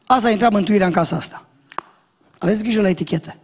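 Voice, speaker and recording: A man preaching a sermon as pastor, telling jokes and acting out shouted lines and dialogue. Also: high voice, breathy edge. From Romania. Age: young adult. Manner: animated storytelling, acts out shouts and dialogue, jokes.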